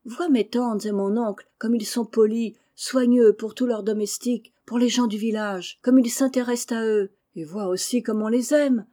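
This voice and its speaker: A kind, earnest young girl in a storybook reading, speaking gently with a raised, soft voice, as a woman narrator puts her on. Her tone stays mellow and patient as she pleads. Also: fairly high pitch, fairly even intonation, moderate pace, few pauses, lightly acted. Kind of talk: audiobook character reading.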